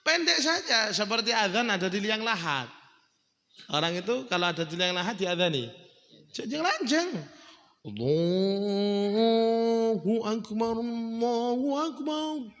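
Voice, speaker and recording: A male preacher, giving a lively, joking sermon at a family celebration and sometimes chanting. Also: high-pitched, moderate pace, vocal fry. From Indonesia. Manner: animated, humorous, addresses the audience as "Pak", chants the call to prayer. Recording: echoey hall.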